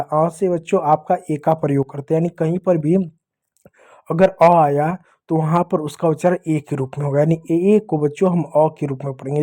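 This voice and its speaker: A man teaching young children, explaining step by step in a slow, patient way and spelling out letters one by one. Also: on the high side, mellow. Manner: slow, patient, repeats points to young pupils. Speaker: English teacher.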